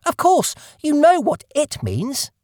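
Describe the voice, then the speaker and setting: A woman's voice: a little high, very animated, unhurried, gravelly, no room sound, heavily acted. A woman voicing a fussy, self-important male mouse who lectures in a pompous, dry tone. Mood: cross.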